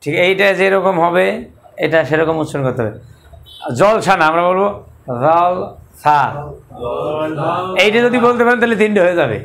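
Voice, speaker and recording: High-pitched guy teaching quran letters, slow and patient, kinda sings the sounds, lots of background noise. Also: gravelly, fairly bright tone. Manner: models Arabic letter sounds and has learners repeat, sometimes in a chanted tone. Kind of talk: pronunciation drill lesson. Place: class session.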